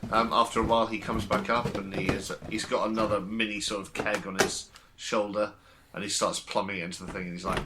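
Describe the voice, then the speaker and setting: A man's voice: lowish voice, background noise. A man working as game master, narrating in a casual, colloquial, loosely improvised way.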